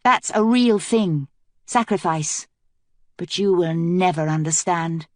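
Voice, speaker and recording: A resolute young queen speaks firmly and earnestly, as a woman voices her. Her voice is low for a woman and dry and close in an audiobook. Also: slow pace, no room sound. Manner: firm, earnest.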